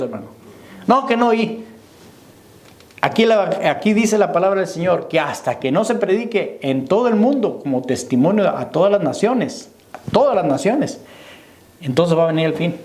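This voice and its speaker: Man, pastor, high voice, sermon in a reverberant church. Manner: preaching to the congregation, repeating "hermano" and "¿me entiende?". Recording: echoey church hall.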